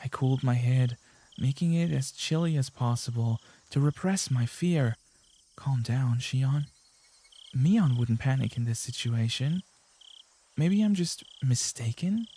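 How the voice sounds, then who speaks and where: A man's voice: medium pitch, expressive, unhurried, mellow. A man reading the inner monologue of a panicking teenage girl sneaking through a school, in a tense, frantic voice. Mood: panicked. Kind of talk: reading a visual novel aloud.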